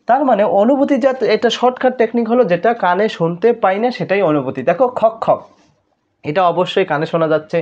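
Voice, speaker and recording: High-voiced Bangladeshi tutor explaining questions. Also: male voice, darkish tone, muffled recording. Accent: Bangladeshi Bengali. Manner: explanatory, asks rhetorical questions and checks with "right?". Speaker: admission test tutor. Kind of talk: exam solution lesson.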